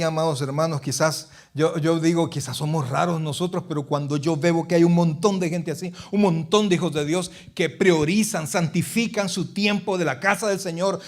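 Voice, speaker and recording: Middle-aged pastor preaching in church, voice on the high side, goes from loud to quiet, keeps asking the crowd questions. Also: male voice. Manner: preaching, questioning the congregation, swings from loud to hushed. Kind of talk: sermon.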